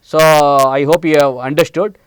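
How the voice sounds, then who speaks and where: A man's voice: a little high, fairly even intonation, a little slow, clean tone, dry recording. A man in his forties with an Indian English accent, giving a programming lecture step by step with many hesitant fillers. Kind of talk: classroom lecture. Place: studio set, indoors.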